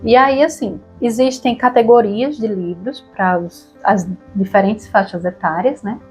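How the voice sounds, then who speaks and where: A woman with a Brazilian Portuguese accent co-hosting a relaxed conversation about reading aloud to children, often tagging her sentences with questions. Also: medium pitch, unhurried, husky, soft background music. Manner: relaxed, chatty, frequent tag questions. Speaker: podcast co-host.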